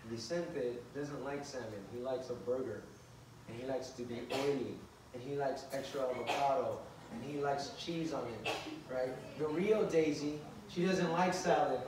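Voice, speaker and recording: A man preaching to a youth service, joking and acting out little scenes, switching between English and Spanish. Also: a little high. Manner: playful, joking, acts out dialogue. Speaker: youth pastor. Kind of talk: bilingual youth sermon. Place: church hall. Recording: echoey church hall from far off.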